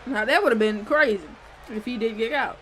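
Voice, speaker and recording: A bright, sharp voice reacts casually to a wrestling match. The remarks are quick, short and informal, with a faint crowd behind. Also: mid-range voice, rough recording.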